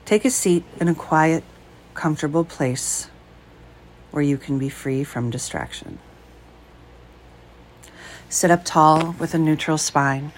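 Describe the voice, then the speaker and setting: A woman leading a guided breath meditation, speaking slowly, calmly and softly. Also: low voice, slight background noise, low-quality recording. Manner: slow, calm, soft-spoken.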